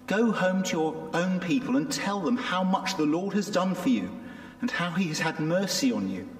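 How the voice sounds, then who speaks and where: A man voicing a calm, commanding male healer as he reads a Bible passage aloud, speaking firmly. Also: sits high, moderate pace. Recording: echoey church hall.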